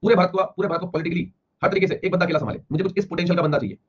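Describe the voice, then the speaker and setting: A man teaching history in a classroom lecture, explaining rapidly and repeating himself, with an Indian accent. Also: sits high, fairly even intonation, husky. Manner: rapid, repetitive explaining, slowing to read English lines aloud. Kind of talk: classroom lecture mixing Hindi and English. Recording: dull lo-fi classroom recording with faint ambience.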